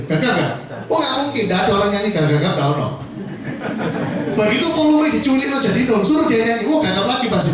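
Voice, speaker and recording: A man's voice: on the high side, a little mellow. A man, giving a joking, self-mocking motivational talk to a class of insurance agents, often laughing and asking the audience questions. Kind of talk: lively motivational seminar talk. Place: classroom seminar. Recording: echoey room, speaker far from mic, faint noise.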